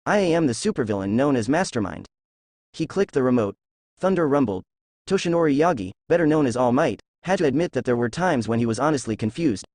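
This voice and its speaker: A man reading a fan fiction story aloud in a steady storytelling voice. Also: mid-range voice, no echo. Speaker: narrator.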